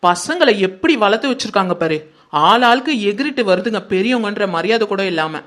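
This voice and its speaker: A woman playing a domineering, sharp-tongued middle-aged aunt in a family drama. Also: mid-range voice, animated, fairly quick, close to an everyday voice. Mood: scolding. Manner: scolding, haughty.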